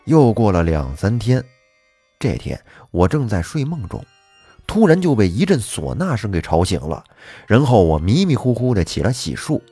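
Male storyteller host with a husky, animated read over faint music. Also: fairly low pitch, normal speed. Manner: lively, expressive, acting out quoted voices. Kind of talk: dramatic storytelling narration.

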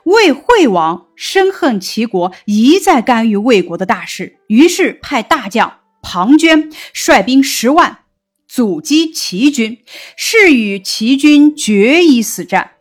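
A woman teacher reading a Chinese lesson text aloud in a steady, clear voice. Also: fairly high pitch, slow.

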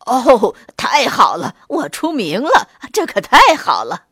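A woman voicing a big, hungry male gray wolf in a children's story, loud and blustering, slow to catch on. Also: lowish voice, big pitch swings, no echo, clean studio sound, voice pushed down, heavily acted. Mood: puzzled.

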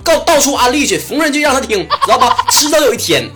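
A man's voice: very high voice, sing-song, fast talker, sharp tone. A man with a Northeastern Chinese Mandarin accent hosting a casual comedy talk show, playful and boastful, often breaking into laughter as he talks. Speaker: comedy show host and online broadcaster. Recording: voice over prominent background music. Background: music.

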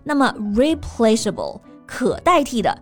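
A woman with a fairly high voice explains English vocabulary in a bilingual lesson. She spells each word out letter by letter and walks through its parts. Soft music runs behind her. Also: very animated, unhurried. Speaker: co-host of English lesson podcast. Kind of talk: bilingual scripted teaching chat.

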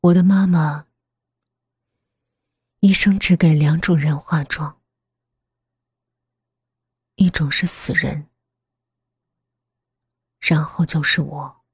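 Slow, breathy woman narrating horror. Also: low-pitched, fairly even intonation, no room sound, studio quality. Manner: hushed, breathy, half-whispered. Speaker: voice actor narrating.

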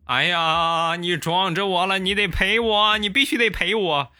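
A man voicing a toothless old village man with a high, wheedling, childish whine. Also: fairly even intonation, measured pace, bright, forceful tone, dry recording, clean studio sound, heavily acted. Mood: accusing.

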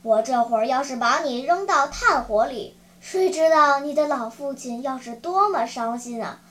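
A woman voicing a gruff, bearded male puppet master who is cold at first, then softens, and keeps breaking into sneezing fits. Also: sits high, animated, normal speed, pitched below the performer's own voice. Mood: grumbling.

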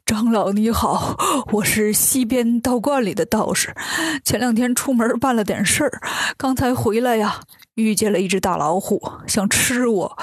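A woman voicing a boastful, scheming male demon king in a children's story, with a sly, slow drawl. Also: medium pitch, husky, dry recording, clean studio sound, natural voice.

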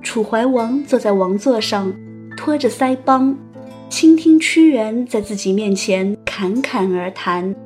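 A woman narrating a written story as an audio host, in a playful, chatty manner with lively asides. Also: a little high, slow, faint music behind.

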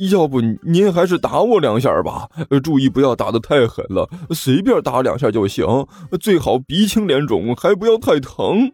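A man's voice: mid-range voice, very animated, moderate pace, hardly any pauses, a little mellow, slightly rough, pitched above the performer's own voice. A man voicing a sly, cowardly male thug leader who whines and wheedles. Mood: wheedling. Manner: wheedling, whiny.

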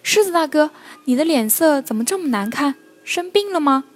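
A woman voicing a tiny young ant who wants to be a hero, in a children's storybook reading, talking high and loud with sobs. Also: expressive, moderate pace, faint music behind. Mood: eager. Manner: high, loud, sobbing and pleading.

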